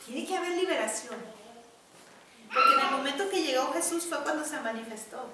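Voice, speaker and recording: A woman's voice: high voice, expressive, normal speed, heavy background noise. A woman preaching a sermon to her congregation in a church, emphatic and often repeating her words. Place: large church hall. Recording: echoey church hall, mic far off.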